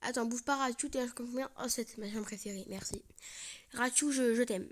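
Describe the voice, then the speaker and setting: A woman's voice: fairly high pitch, moderate pace. A young woman giving casual let's-play commentary, chatty and playful, often dropping to a whisper. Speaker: gaming video creator.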